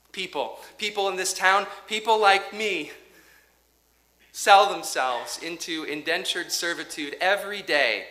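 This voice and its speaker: Guy preaching real slow, dramatic pauses, voice sits a bit high, church echo all around. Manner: measured, rhythmic preaching with dramatic pauses and quiet drops. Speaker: pastor. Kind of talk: sermon. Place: church sanctuary. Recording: echoey church sanctuary.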